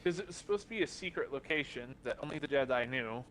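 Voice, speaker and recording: A man co-hosting a podcast in a casual chat, excitable and restarting his sentences as he goes. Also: medium pitch, slight background noise. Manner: quick, excitable, stumbling restarts. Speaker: podcast co-host.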